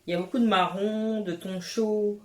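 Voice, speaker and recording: A woman's voice: mid-range voice, fairly even intonation, normal speed, a little mellow. Gushing woman chatting in an echoey room. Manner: chatty, gushing exclamations and casual swearing. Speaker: beauty vlogger. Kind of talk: casual haul chat. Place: at home, with her cat nearby. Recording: echoey room with faint noise.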